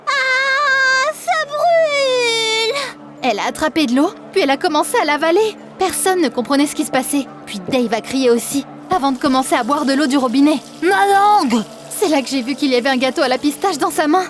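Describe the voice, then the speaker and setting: A woman narrating an animated first-person story in a lively, expressive, dramatic manner. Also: high voice, fast, few pauses, soft background music.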